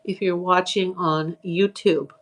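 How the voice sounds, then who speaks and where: Slow and steady, a woman with a lowish voice hosts a live online auction, chatting casually while greeting viewers by name and listing things for sale. After hours of talking, she sounds tired and a little hoarse.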